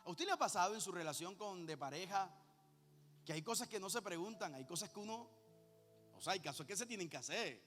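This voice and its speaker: A man's voice: high-pitched, animated, fairly quick, a bit bright. A man, preaching a sermon in a conversational, teasing way full of punchy rhetorical questions. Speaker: pastor. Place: large church auditorium. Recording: echoey church hall with faint music.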